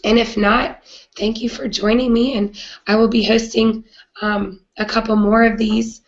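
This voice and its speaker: Raspy sick-sounding woman on a live chat, flat gravelly voice, kinda dull lo-fi audio. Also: fairly high pitch, unhurried. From not British. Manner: earnest, with frequent "um" fillers. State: hoarse from a cold. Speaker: host of a live video chat. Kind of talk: casual live-stream talk.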